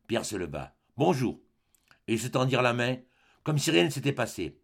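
Expressive male audiobook narrator, gravelly. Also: mid-range voice, fast. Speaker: audiobook reader. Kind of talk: scripted narration of a classic novel.

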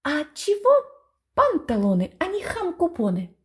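A woman voicing a cheeky, stubborn schoolboy who pesters with high, wheedling nonsense questions. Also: huge pitch swings, moderate pace, darkish tone.

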